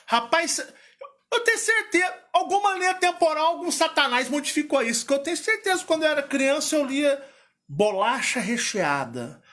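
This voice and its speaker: A man from Minas Gerais with a Minas Gerais accent, hosting a casual chat in an animated, playful, rambling way. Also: extremely high pitch, normal speed. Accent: Minas Gerais Portuguese. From Minas Gerais, Brazil. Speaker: channel host.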